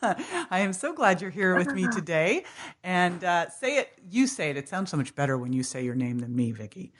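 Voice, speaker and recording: A woman hosts a podcast in a relaxed, chatty way. Her talk is upbeat and loose, full of casual slang and easy laughs. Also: on the low side, fairly quick. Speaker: podcast host. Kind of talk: casual interview chat.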